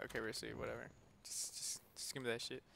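A man's voice: medium pitch, monotone, fast, vocal fry, bright, forceful tone, slight background noise. A young man in the middle of his range talks loosely over his game at home, rambling and cursing freely. He laughs often and keeps the chat easygoing. Game music plays behind his voice. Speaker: gaming video host. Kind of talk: casual gameplay commentary.

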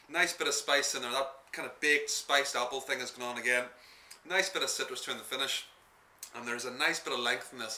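A man's voice: medium pitch, bright, forceful tone, distant mic. Chatty Irish man reviewing a wine. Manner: enthusiastic, chatty, with restarts. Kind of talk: casual wine tasting review. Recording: echoey room, voice off-mic.

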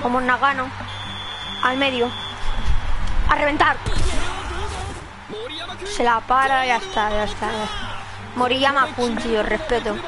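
Female game streamer, Spain accent, high voice, energetic and excitable, casual live commentary over music. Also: a little slow, long pauses, poor audio.

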